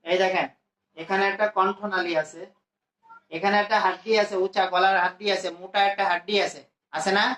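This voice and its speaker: A man from Bangladesh teaching a class to pronounce Arabic letters, slowly repeating each sound for his students. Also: high-pitched, level tone, bright, forceful tone. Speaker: Quran teacher. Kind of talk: classroom lesson. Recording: echoey room.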